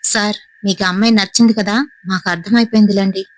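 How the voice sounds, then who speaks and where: A woman's voice: medium pitch, steady tone, fast talker, dry recording, natural voice. A woman voicing a nervous young male henchman who pleads eagerly with his boss in a spoken horror story. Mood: wheedling.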